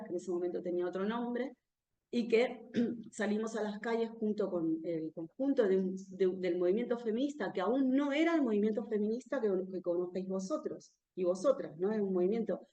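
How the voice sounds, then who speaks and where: A woman with an Argentine accent speaks at mid pitch at a talk in front of an audience. She keeps a conversational tone and often tags her phrases with a questioning "no?". The roomy echo of the hall surrounds her voice. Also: mellow. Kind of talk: live public talk. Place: room where a talk is held, with an audience.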